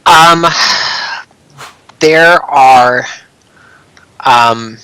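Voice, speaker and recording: Bright-voiced man running a tabletop game. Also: mid-range voice, very slow, clean tone, dry recording, rough recording. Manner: relaxed, conversational narration with fillers. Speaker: dungeon master.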